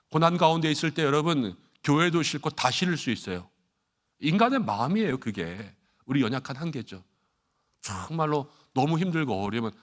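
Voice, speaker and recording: A middle-aged man, a senior pastor, giving an animated sermon at an early morning prayer service and acting out congregants' complaints along the way. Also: mid-range voice.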